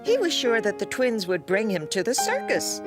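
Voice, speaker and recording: Woman narrating a lively storybook cartoon. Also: on the high side, moderate pace, loud music behind the voice.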